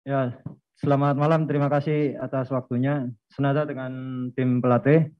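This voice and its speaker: A man who plays football answers at a press conference in a formal, measured way, thanking his coaches and fans. His pitch stays flat and even. The sound is dull and lo-fi. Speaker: football player.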